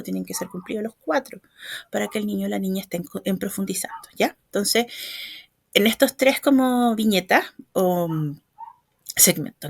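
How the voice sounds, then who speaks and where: A woman's voice: on the high side, vocal fry, no room sound, clean studio sound. A woman, giving an explanatory lecture as a trainer and checking in with her listeners after each step. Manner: explains step by step, often checking understanding with short tag questions. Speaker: educational trainer.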